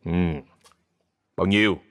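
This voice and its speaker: A man doing a coarse, gruff village butcher. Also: slow, a bit bright. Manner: curt, scolding, coarse. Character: gruff, rude middle-aged male village butcher.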